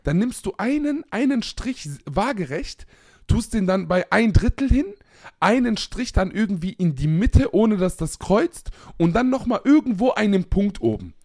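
A man's voice: high voice, expressive, normal speed, darkish tone. A young man co-hosting a podcast in casual, slangy banter. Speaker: podcast co-host. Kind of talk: casual chat.

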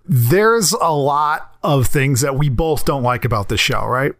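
A man co-hosting a casual podcast, talking in an animated, rambling way with frequent restarts. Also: medium pitch, a little slow. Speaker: podcast co-host. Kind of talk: casual chat.

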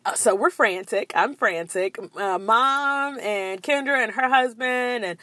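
Chatty high-voiced woman telling a story. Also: a little slow, dry recording. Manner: animated storytelling with lots of "like" and self-corrections. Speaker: podcast co-host. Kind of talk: casual storytelling chat.

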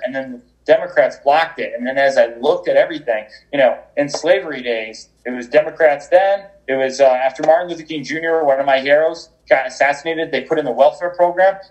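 Over a remote call with rough audio, a man in a mid-range voice talks as a podcast guest. It's a lively, conversational interview in which he rambles, often restarting sentences and using fillers.

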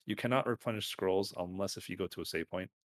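A deep-voiced man talks quickly as he co-hosts a podcast, chatting loosely about games and anime. He rambles, filling gaps with fillers and often correcting himself.

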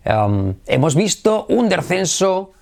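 A man's voice: high voice, big pitch swings, creaky, darkish tone. A man with a Spain Spanish accent teaching English pronunciation in Spanish, stretching out each English word as a model, then rattling through his Spanish explanations. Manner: slows right down to model English words, then chatters fast in Spanish. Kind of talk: Spanish-language English lesson.

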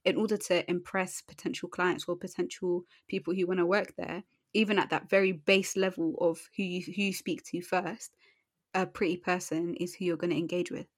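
A woman's voice: fairly low pitch, level tone, normal speed, no room sound. Playful young woman, dry close sound. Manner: slangy, playful, emphatic repetition. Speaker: podcast co-host. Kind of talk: casual podcast banter.

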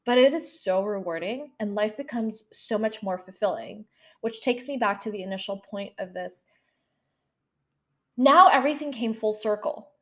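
A woman's voice: mid-range voice, normal speed, a little mellow. A woman in her twenties hosting her own podcast, talking in an emotional, effusive way, swearing casually and getting teary. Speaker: podcast host. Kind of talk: personal podcast monologue. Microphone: handheld microphone.

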